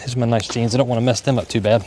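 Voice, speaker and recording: A man's voice: medium pitch, little pitch movement, racing, background noise. A man with an Appalachian hillbilly twang, giving casual, folksy commentary as he works and thinks aloud on a livestream. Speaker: farmer livestreaming his work. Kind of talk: casual impromptu livestream commentary while working. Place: outdoors in a windy farm garden.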